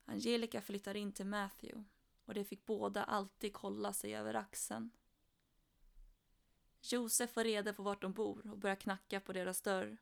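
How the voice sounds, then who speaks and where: Woman narrator for a true crime story, even delivery, some vocal fry. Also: medium pitch.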